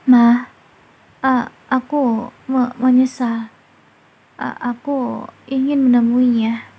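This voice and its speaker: A woman's voice: on the high side, level tone, slow pace, husky, dull audio, full character voice. A woman voicing a tearful young wife who stammers and pleads through sobs, in a storybook narration. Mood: pleading tearfully. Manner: stammering, sobbing pleas.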